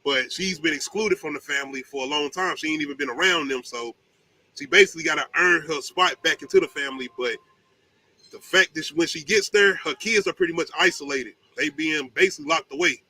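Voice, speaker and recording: A man's voice: on the high side, brisk, pushed and bright, poor audio. A man hosting a casual top ten countdown show about movies, talking in a slangy, emphatic way with some swearing.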